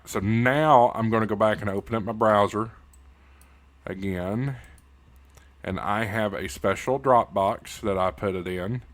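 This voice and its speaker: A man with an Appalachian hillbilly accent hosting a casual tutorial in a folksy, informal way, talking straight to his viewers. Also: on the low side. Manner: folksy, informal, addresses viewers as y'all and guys. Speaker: YouTube host and amateur radio news anchor. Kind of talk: casual tutorial livestream chat.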